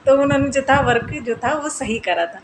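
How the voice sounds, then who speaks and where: A woman's voice: sits high, lively intonation, a little fast, background noise. A woman in her thirties, a mother narrating a home vlog voice-over in a chatty way and often laughing at her own slips. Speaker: vlogger, mother. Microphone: voice-over mic.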